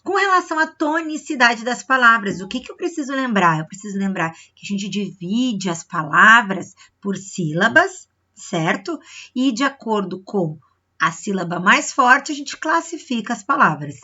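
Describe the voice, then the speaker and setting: A woman's voice: on the high side, expressive, normal speed, bright, forceful tone, lo-fi sound. A woman teacher from Brazil, giving a recorded review lesson to children, explaining step by step and often checking in with short questions. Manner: stretches words to show the stressed syllable.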